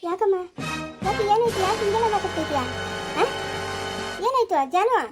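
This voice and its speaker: A woman's voice: very high voice, moderate pace, loud music behind the voice. A woman playing a worried young village woman who scolds and pleads with a girl, with a rural Chikkaballapur Kannada accent, in a comedy skit. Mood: scolding.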